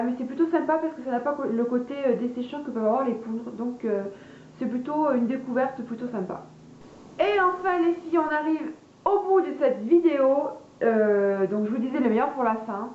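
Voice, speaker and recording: A woman's voice: fairly high pitch, warm tone. Chatty woman vlogger in an echoey room. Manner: chatty, hesitant, many fillers, addresses viewers as girls. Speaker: beauty vlogger. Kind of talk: casual product haul chat. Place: room at home, party noise from below. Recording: echoey room, dull lo-fi sound, faint party noise.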